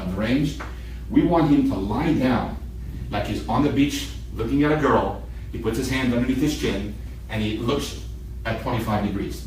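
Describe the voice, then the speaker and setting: An Israeli man, a native Hebrew speaker with a fairly low, darkish voice, lectures a class as a military shooting instructor. He is emphatic, repeating key points in short sentences, recorded from a distant mic in an echoey room with background noise.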